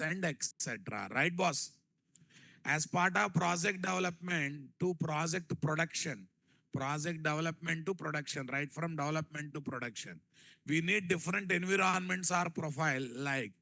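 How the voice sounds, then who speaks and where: Indian guy w telugu accent teaching tech, sharp forceful voice bit gravelly, keeps repeating stuff and asking the class questions. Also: on the high side, no echo. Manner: repeats phrases and quizzes listeners with rhetorical questions. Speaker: programming instructor. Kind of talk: live classroom-style technical lecture.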